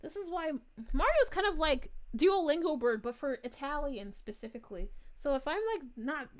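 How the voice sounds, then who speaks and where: A woman's voice: high-pitched, lively intonation, moderate pace. A woman voicing a sweet, bubbly young princess, reading chat live in character and giggling often. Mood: chatty. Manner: giggly, gushing, chatty.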